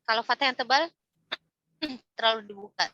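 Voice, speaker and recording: On a dry, dull-sounding recording, a woman with a sharp, fairly high voice teaches a religious class on reciting the Quran at a moderate pace. She walks through things step by step, frequently ends phrases with a questioning "ya," and recites examples aloud.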